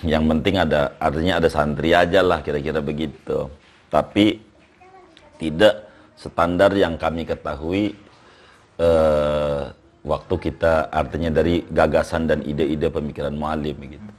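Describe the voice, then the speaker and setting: An older man, an Islamic scholar, explaining at length in a relaxed interview and reciting Arabic text aloud. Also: very deep voice, measured pace.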